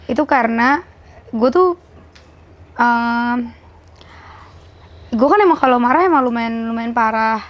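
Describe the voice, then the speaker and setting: A woman's voice: on the high side, a little slow, long pauses. A woman, hosting a candid conversation and reflecting emotionally in informal slang. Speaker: host.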